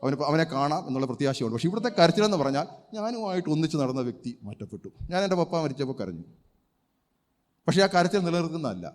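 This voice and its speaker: A man preaching at a rapid clip, his voice pitched a little high and ringing out with a long reverb through a church hall. He is a pastor delivering an emphatic sermon, asking rhetorical questions and breaking into loud shouts of praise. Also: very animated.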